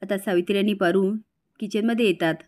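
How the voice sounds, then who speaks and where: A woman narrating a recap of a TV serial episode in a brisk, dramatic storytelling style. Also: medium pitch, fairly even intonation, a little mellow.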